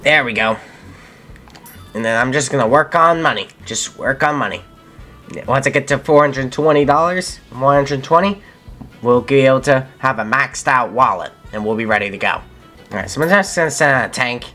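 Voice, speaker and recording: A young male channel host offers casual gameplay commentary at a moderate pace, his medium-pitched voice carrying a sharp edge. Faint game music sits in the background as he thinks aloud and corrects himself mid-sentence.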